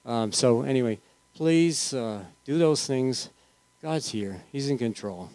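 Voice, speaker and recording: A man giving an informal, earnest testimony in church, halting and restarting often as he speaks. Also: mid-range voice, animated, mellow, rough recording. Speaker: church member sharing.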